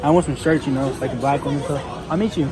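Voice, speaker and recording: A man's voice: a little high, fast talker, a crowd in the background. A young man talking casually to viewers in a slangy, laid-back way, filming himself on a phone held at arm's length, first in a car and then in a store. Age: young adult. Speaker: vlogger. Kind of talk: casual vlog chat. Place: car at night, then a big bright store. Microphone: handheld phone at arm's length.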